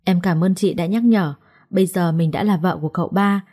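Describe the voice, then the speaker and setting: A gentle young bride answers politely but firmly in a low, mellow voice, as a woman narrator reads her. She stays restrained even when she is provoked. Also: fairly quick, natural voice.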